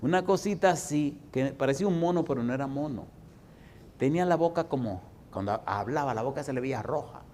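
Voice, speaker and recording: A Dominican man in his sixties preaching a sermon, swinging from loud exhortation to hushed, folksy storytelling. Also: mid-range voice, lively intonation, a little fast, slight background noise. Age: 60s. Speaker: pastor.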